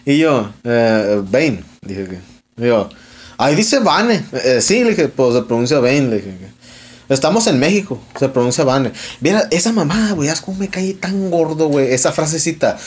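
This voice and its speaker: This young Mexican man, a podcast host with a Mexican accent, speaks at normal speed in a higher, slightly rough voice. He animatedly retells an argument, quoting the dialogue and loading it with slang and profanity.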